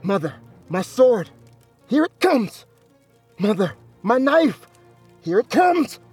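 A man's voice: extremely high pitch, very animated, takes it slowly, darkish tone, breathy edge, faint music behind, exaggerated voice. A man voicing a muffled unborn baby boy. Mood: chanting. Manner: chanting, insistent calls. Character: unborn magical baby boy, bold and commanding. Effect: muffled, as if heard through a wall. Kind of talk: animated folktale voice acting.

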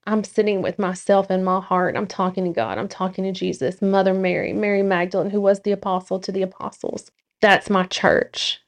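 A woman who is a nurse and social media creator, a guest on a podcast, speaking about faith in an emphatic, blunt way and swearing for emphasis. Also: medium pitch. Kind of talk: impassioned spiritual talk.

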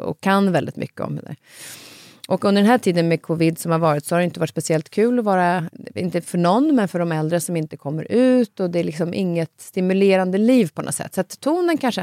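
Female host, lowish voice, casual lively storytelling, dry close mic. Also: vocal fry, no echo. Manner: lively storyteller, animated when quoting others. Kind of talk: casual conversation.

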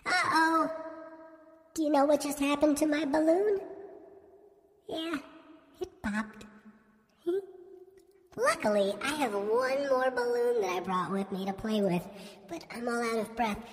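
A woman's voice: sits high, measured pace, pauses often. A woman hosting a children's show, presenting in a playful sing-song way.

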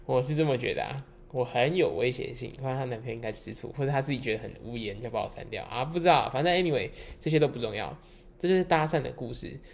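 A young man with a Taiwanese Mandarin accent tells stories in a relaxed podcast chat, loose and candid, with casual swearing. His voice sits in a middle pitch with a gravelly, creaky edge. A faint hum of noise runs underneath. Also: fast. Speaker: podcast host.

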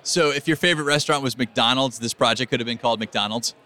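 Brisk, bright-voiced male interviewer. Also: medium pitch. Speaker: podcast host. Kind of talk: on-location interview. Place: outdoors at a pier event.

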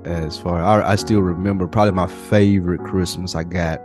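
This is a podcast co-host, a man with a deep voice and steady tone, talking at normal speed in casual, slangy conversation. Guitar-based background music plays clearly behind him.

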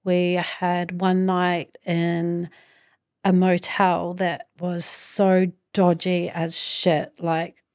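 A woman's voice: lowish voice, creaky, darkish tone. A middle-aged woman with a New Zealand accent hosting a podcast, telling a personal story in an earnest, reflective way with emphatic phrasing. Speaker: podcast host.

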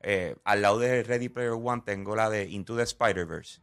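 A man's voice: lowish voice, moderate pace, a bit bright, clean tone. A man, a guest in a casual chat, easygoing and rambling. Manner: easygoing, rambling, many fillers.

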